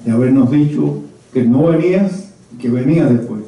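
Speaking before a small crowd indoors, an older Havana man recounts memories in a deliberate, faltering storytelling manner. He is seventy or older, with a mid-range voice that's very dark and muted. A camera far from his handheld mic records the talk, so the room echo is thick and the audio muffled.

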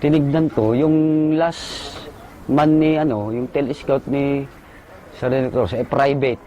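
A man, a soldier, recalling a firefight in short halting bursts and military jargon. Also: medium pitch, fairly even intonation, mellow, a little hiss or hum, rough recording. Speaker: soldier recounting combat. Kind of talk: casual spoken recollection.

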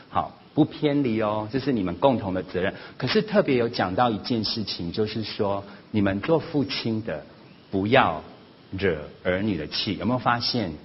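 A man giving a sermon-style parenting lesson at church, animated, often acting out family quarrels in a raised voice. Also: lowish voice. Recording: slightly dull lo-fi recording with faint noise.

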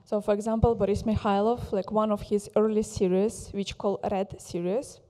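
Woman in halting English, echoing hall. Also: medium pitch, flat delivery, dark tone. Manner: halting non-native English with many fillers. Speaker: presenting speaker on photography. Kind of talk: presentation with consecutive interpreting. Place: large hall. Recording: long hall reverb.

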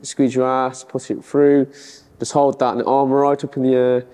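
A man's voice: mid-range voice, little pitch movement, moderate pace, warm tone, smooth. A young man working as a rehab coach, giving hands-on instructions in casual language. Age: young adult. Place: large hard-floored gym, indoors. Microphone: clip-on lapel mic. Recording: reverberant hall-like room.

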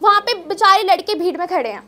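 Talking fast in a very high, expressive voice with a sharp edge, a young woman does observational stand-up at a small indoor open mic. Her delivery is conversational, with phrases repeated for emphasis into the handheld microphone.

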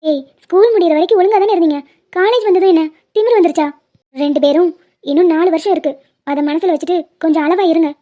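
A woman's voice: extremely high pitch, quick pace. A woman voicing a bossy young college student who lectures her friend in a cartoon. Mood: scolding. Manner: scolding, lecturing. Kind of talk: animated cartoon voice acting. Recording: dull lo-fi sound.

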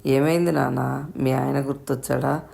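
A woman voicing an affectionate, anxious middle-aged mother in a read-aloud story, talking in a fond, fussing way with a creaky, even voice. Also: low voice, normal speed. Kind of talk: storybook narration.

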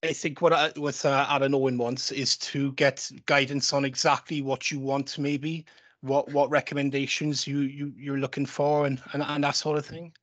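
Serving as mayor, a man chairs a council meeting, reading out agenda items in turn and calling on members to speak into a desk microphone in a large council chamber. His voice is medium-pitched and fairly bright, with flat delivery at normal speed.

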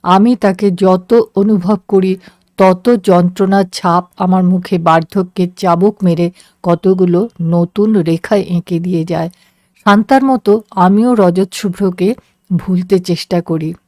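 A woman narrating a story in a slow, measured, soft voice. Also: on the low side, steady tone, dry recording, clean studio sound. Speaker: story reader.

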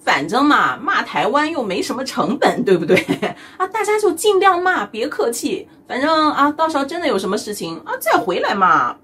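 Brief: a woman vlogger, high-voiced and teasing, with a chatty comic monologue and frequent laughs. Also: very animated, normal speed, few pauses, fairly bright tone, breathy edge. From mainland China. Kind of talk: comedic monologue to camera.

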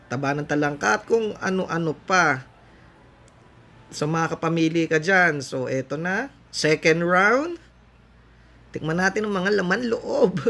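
A man's voice: on the high side, a bit bright, slight background noise. A man in his thirties from the Philippines, narrating a casual food vlog as he tours a buffet restaurant and lists the dishes in an upbeat, tour-guide manner, on a phone held at arm's length. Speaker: food vlogger. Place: large indoor buffet restaurant.

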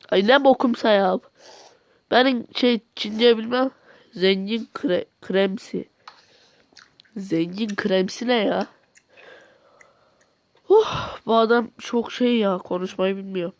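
This video commentator's voice is high, with no room sound at all. Talking to himself in a joking, mock-exasperated voice-over, he grows nauseous toward the end.

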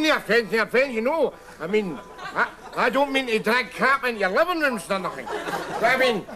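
A ranting Scottish scold. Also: male voice, very high voice. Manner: scornful, slangy, ranting. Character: bitter, scornful Scottish man ranting at TV. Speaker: sketch character. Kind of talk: TV sketch rant to camera.

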